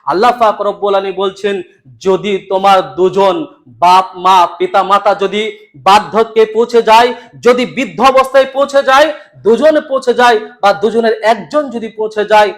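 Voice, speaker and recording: A man preaching a Friday sermon in a West Bengal Bengali accent, his voice pitched high. He repeats his points with emphasis, swings from stern raised rebukes down to quiet low lines, and recites verses to the congregation. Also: normal speed. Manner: emphatic, repetitive, rising to stern rebukes then dropping low.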